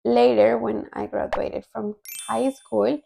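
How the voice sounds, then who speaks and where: Her voice sits on the high side, dark in tone, slow and level, with vocal fry. She's a young adult from Colombia, a native Spanish speaker vlogging about language learning, casually recounting her own story to viewers in English with a Colombian accent.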